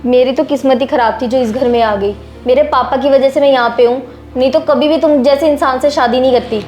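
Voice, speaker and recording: An actress playing a spoiled young wife who talks in a sharp, bossy, complaining way. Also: female voice, high-pitched, steady tone, brisk, soft background music, lightly acted. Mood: scornful. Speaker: daughter-in-law. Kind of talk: short film acting.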